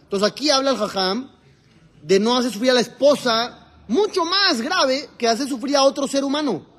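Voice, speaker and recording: A man's voice: very high-pitched, normal speed, a bit bright. A man, a rabbi teaching a religious class, asking his students questions and explaining the Hebrew texts he quotes. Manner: asks the class questions and answers them himself. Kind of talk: religious lesson to a live group.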